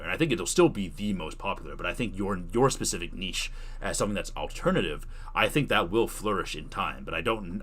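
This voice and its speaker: Low in pitch and slightly bright, a man hosts a livestream tutorial. He answers chat questions in a relaxed way, working through his thoughts aloud and restating his points.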